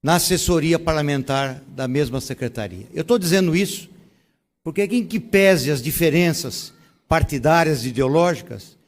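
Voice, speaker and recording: A man, a state legislator, giving a measured, oratorical ceremonial speech in a council chamber. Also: a little high, lively intonation.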